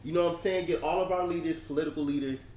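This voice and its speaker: A man co-hosting a casual barbershop discussion, talking in an animated way and climbing higher when he presses a point. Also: rapid-fire. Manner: animated, rising pitch when stressing points. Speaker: podcast co-host. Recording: echoey room.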